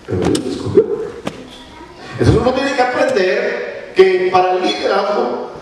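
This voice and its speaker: A male preacher with a fairly high voice delivers an emphatic sermon, rising to loud lines and dropping to quiet ones and quizzing the congregation. He sounds far from the mic in a very echoey church, with faint noise underneath. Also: animated, normal speed. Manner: emphatic, swings between loud and hushed, asks the congregation questions. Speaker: minister preaching. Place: church sanctuary.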